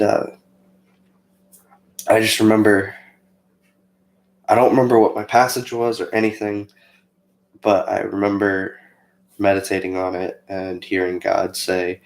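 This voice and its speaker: A young man tells a personal story in a loose, chatty way, full of fillers and asides, perking up whenever he quotes himself. His voice sits a little low with a gravelly edge, and the room around him echoes noticeably. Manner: chatty, rambling with fillers, animated when quoting himself. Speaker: co-host of a faith channel.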